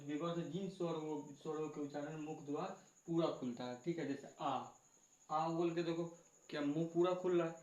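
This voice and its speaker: A man with a slightly high, darkish voice teaches a grammar lesson, posing questions to the class, answering them himself, and going back over each point. The sound is dull and lo-fi, in an echoey room.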